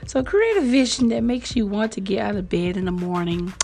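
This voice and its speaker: A woman's voice: mid-range voice, animated, fairly quick, darkish tone. Chatty teasing woman podcaster. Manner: chatty, teasing, laughs often. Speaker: podcast host. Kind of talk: casual motivational chat.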